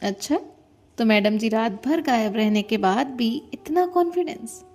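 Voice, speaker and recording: A woman's voice: a little high, expressive, a little slow, darkish tone. A woman voicing a bossy, nosy sister-in-law who interrogates and scolds with affection, in an audio love story. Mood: teasing. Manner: interrogating, mock-stern, scolding.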